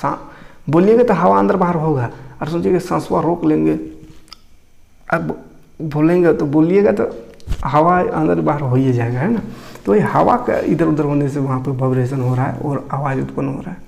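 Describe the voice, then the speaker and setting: A man's voice: a little high, moderate pace, gravelly, darkish tone. A young adult male teacher who reads a science textbook and then retells it in casual dialect. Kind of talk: classroom science lesson.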